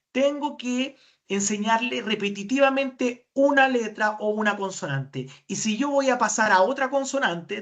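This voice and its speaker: A woman's voice: mid-range voice, a bit bright. Woman, Chilean accent, speech therapist, webinar lecture, explanatory, poses and answers her own questions. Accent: Chilean Spanish.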